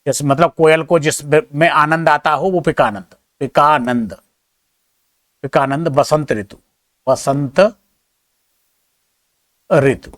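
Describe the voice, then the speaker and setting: A man with a somewhat higher voice works through exam questions, reading each option aloud and then giving his verdict. He drops in modest, chatty remarks to his students between answers. The sound is dry and close, with almost no room in it. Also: fairly even intonation, takes it slowly, pauses often, fairly bright tone, no room sound. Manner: self-deprecating, chatty asides to students. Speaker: teacher. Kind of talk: exam answer-key walkthrough.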